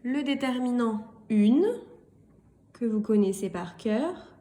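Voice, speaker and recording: A woman teaching a reading lesson and dictation to young children, speaking slowly, repeating each word and spelling out letters. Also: on the high side, dark tone. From France. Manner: very slow, deliberate, spells letters and repeats words. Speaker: primary school teacher.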